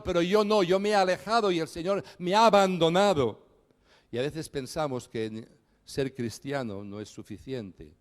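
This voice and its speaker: A man preaching a sermon, building emphatic repeated phrases and slowing to stress key words. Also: high voice, in a large hall.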